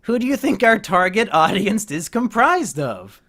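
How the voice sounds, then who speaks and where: A man's voice: sits high, very animated, a little slow, pushed and bright. Crude, ranting male podcast host. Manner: crude, mocking, rants with rising outbursts. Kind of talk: casual podcast banter. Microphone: podcast microphone.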